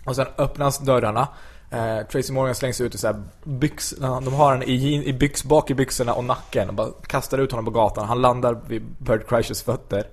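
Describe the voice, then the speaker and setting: A man's voice: mid-range voice, steady tone, few pauses. A man telling a funny story animatedly in a casual podcast chat, laughing often.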